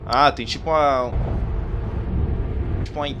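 A man's voice: mid-range voice, fairly even intonation, unhurried, background noise. A Brazilian-accented man giving casual commentary as he plays a video game. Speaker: gaming video host. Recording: voice over clear game music.

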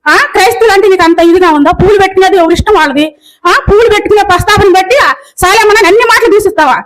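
A woman's voice: extremely high pitch, rapid-fire, rough recording. A woman ranting angrily in a scolding, repetitive way. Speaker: video commenter. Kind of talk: angry rant.

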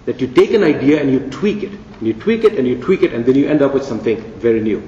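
A man with a warm, mid-range voice gives a keynote lecture in a large conference hall, speaking quickly with big swings in pitch. His tone is conversational and playful, full of rhetorical questions, and the recording is dull and echoey, picked up from a distance.

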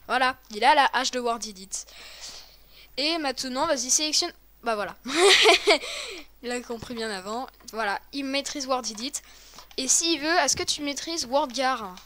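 Chatty high-voiced woman explaining a game. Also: expressive, moderate pace, pushed and bright. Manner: chatty, hesitant, many fillers and restarts. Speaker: host of a game tutorial video. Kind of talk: casual tutorial with a friend.

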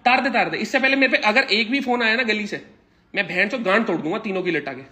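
A man's voice: high voice, quick pace, bright, forceful tone. A man, recording himself on his phone indoors and giving aggressive, commanding orders through heavy swearing. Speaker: vlogger livestreaming a confrontation. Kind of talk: live-streamed confrontation. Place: indoors in a locked house.

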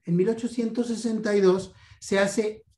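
Mexican man, history lecture, halting delivery with repeated words, roomy reverberant sound. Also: high voice, steady tone, dark tone. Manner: halting, many repeats and "este" fillers. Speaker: guest numismatics lecturer. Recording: roomy echo.

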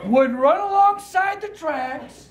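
A man's voice: very high voice, animated, slow. An older man, a performance poet, chanting and leading a crowd in call-and-response in a gallery room, recorded by a far camera. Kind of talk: interactive spoken-word performance. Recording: echoey room, crowd noise.

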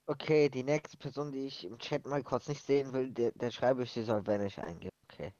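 A man's voice: mid-range voice, fairly even intonation, fairly quick, darkish tone, dry recording. A man chatting casually with a streamer over a voice chat. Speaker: guest on a gaming voice chat. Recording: dull lo-fi voice chat audio.

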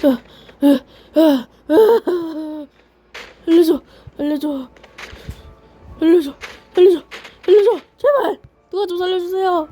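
A woman playing a game on camera, yelling and cursing while acting out lines for the characters in her match. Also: very high-pitched, takes it slowly, long pauses, soft background music. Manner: shouty, swears, switches between playful role-play and yelling. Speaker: gaming YouTuber. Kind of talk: excited gameplay commentary with role-play voices.

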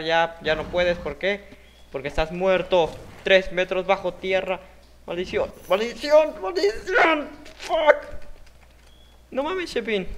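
A young man with a Mexican Spanish accent giving excitable play-by-play of his own game, yelping and swearing at near misses. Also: fairly high pitch, slight background noise. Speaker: gaming YouTuber. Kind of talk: live gameplay commentary.

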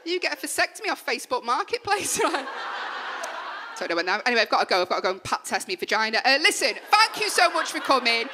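A young woman with a Mancunian accent performing a live stand-up comedy set on a club stage, chatty and full of quick asides, with the audience laughing. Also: high voice, sing-song, noisy background. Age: young adult. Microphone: stage microphone.

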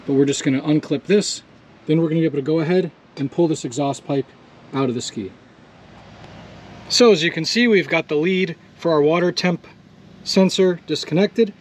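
A man's voice: mid-range voice, a little mellow, slight background noise. Casual DIY man explaining a repair. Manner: casual, step-by-step, swears when frustrated. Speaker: DIY mechanic host. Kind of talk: hands-on repair tutorial. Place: outdoors beside a jet ski.

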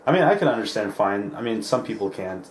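A man's voice: on the low side, very animated, quick pace, slight background noise. Rambling young-sounding man, game commentary. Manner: rambling, lots of filler words. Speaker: let's play host. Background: game music.

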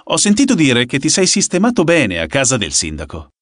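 Audiobook: defiant young woman, scornful, bites back fast; voiced by male reader, dry close sound. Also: mid-range voice, wildly swooping pitch, no room sound, pitched above the performer's own voice. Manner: scornful, quick to bite back. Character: defiant sharp-tongued young woman singer.

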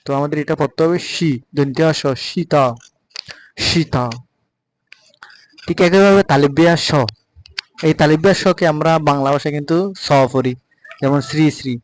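A man with a Bengali accent giving a patient spoken pronunciation lesson, repeating example words slowly. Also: a little high, steady tone, low-quality recording. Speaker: Sanskrit recitation teacher.

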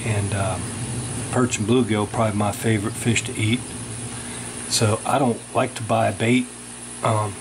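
A man's voice: fairly low pitch, darkish tone, a little hiss or hum, rough recording. A man casually vlogging off the cuff, rambling in a folksy way with lots of fillers, filmed indoors at home on a handheld camera. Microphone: handheld camera mic.

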